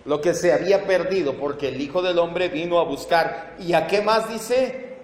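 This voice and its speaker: A man teaching a Bible class, speaking slowly, repeating key terms and calling on listeners by name. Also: fairly high pitch. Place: church meeting room with projector. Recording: echoey hall.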